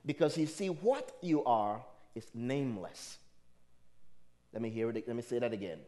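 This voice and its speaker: A Liberian man, a native speaker of a Liberian dialect, preaches a motivational sermon to a live audience, emphatic and firing rhetorical questions at them. His medium-pitched voice is mellow, with lively intonation and a moderate pace. He speaks with a Liberian accent as a spiritual speaker.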